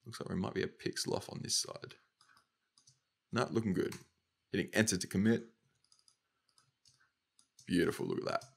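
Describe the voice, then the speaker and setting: A young Australian man with a slightly nasal, stuffy voice, casually talking through a software tutorial step by step. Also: deep voice, normal speed, vocal fry, long pauses. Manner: casual, upbeat, talks through each click. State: nasal from hay fever. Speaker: motion design tutor.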